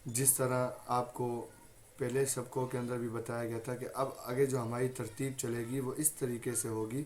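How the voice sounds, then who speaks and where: A man's voice: medium pitch, darkish tone, slight background noise. A man with a Pakistani Urdu accent teaching a Quran recitation lesson, patiently repeating each point and saying letters aloud as examples.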